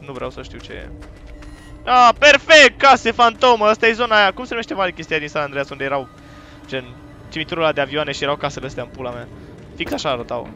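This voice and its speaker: A man giving loud, profane let's play commentary on a horror game, talking to his viewers and yelping at scares. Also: on the high side. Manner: jumpy, profane, loud outbursts; talks to viewers while playing. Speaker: gaming YouTuber.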